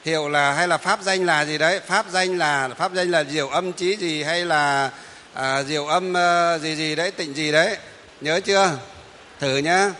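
A Buddhist monk talks a kneeling congregation through the ceremony, repeating himself patiently and pausing on little fillers. His voice sits a touch high for a man, with a faint hiss of noise behind it. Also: steady tone, sharp tone, long reverb tail. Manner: patient, repetitive, many hesitant fillers.

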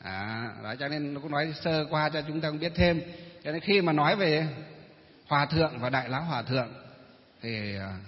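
In a dull, muffled recording from an echoing hall, a monk with a Northern Vietnamese accent delivers a dharma talk. His somewhat high, animated voice moves at a moderate pace as he poses rhetorical questions and then answers them.

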